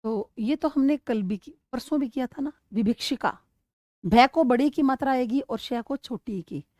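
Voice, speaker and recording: A woman teaching a grammar lesson for exam preparation. She asks her students questions and answers them herself, repeats key words and sounds out words slowly to show where the stress falls. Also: sits high, expressive, darkish tone, no echo, clean studio sound.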